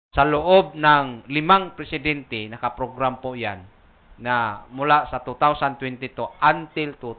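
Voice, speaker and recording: A man co-hosting a casual religious talk program, conversational, often chuckling and echoing his partner. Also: mid-range voice. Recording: tinny phone-like sound with faint noise.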